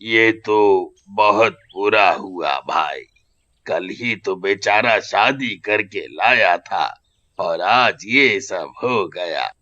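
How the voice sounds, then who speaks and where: A man's voice: fairly low pitch, lively intonation, extremely slow, sharp tone, no room sound, heavily acted. A man voicing a sympathetic villager in a cartoon, talking in a resigned way. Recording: dry, muffled lo-fi audio.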